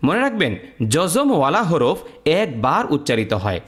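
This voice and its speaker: A man's voice: on the high side, sing-song, normal speed. A man teaching Quran recitation rules step by step, drilling letter sounds in a sing-song, teacherly way. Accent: Bangladeshi Bengali. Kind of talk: step-by-step lesson.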